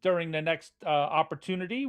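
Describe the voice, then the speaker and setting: A man's voice: fairly high pitch, a little fast, dull audio, slight background noise. A man giving live darts commentary in a conversational, folksy way. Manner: conversational, folksy turns of phrase.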